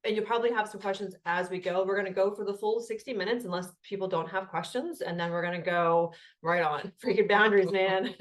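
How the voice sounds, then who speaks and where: A woman hosting a casual live group coaching call over video, excitable, laughing at her own slips and swearing freely. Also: medium pitch, a little fast, few pauses.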